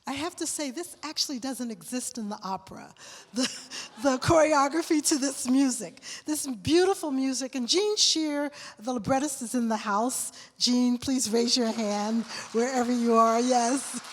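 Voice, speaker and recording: A woman's voice: sits high, normal speed. Woman presenting onstage in a reverberant hall. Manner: effusive, addresses the audience directly. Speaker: director and choreographer presenting a work. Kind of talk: onstage talk to a live audience. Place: theater stage.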